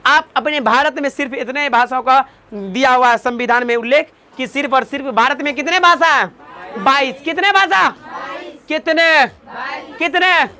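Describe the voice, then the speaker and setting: A man lectures a classroom in a high, bright voice, repeating each word and firing questions back at the students. A faint murmur of people sits behind him. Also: moderate pace, some chatter behind. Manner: repetitive call-and-response drilling, joking. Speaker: teacher. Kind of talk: classroom lecture with memory tricks.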